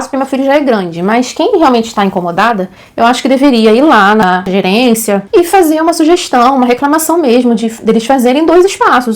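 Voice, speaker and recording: A young adult woman with a Brazilian Portuguese accent, a mother telling a story to her viewers in a casual, animated, chatty way. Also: fairly high pitch. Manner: animated, chatty, addresses viewers as gente, acts out quotes. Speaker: vlogger and mother.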